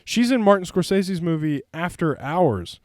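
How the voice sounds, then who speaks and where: A man's voice: high voice, expressive, a little slow, dry recording, clean studio sound. A man hosting a casual movie commentary vlog, rambling with lots of fillers and goofy jokes. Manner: rambling, filler-heavy, jokey. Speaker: host.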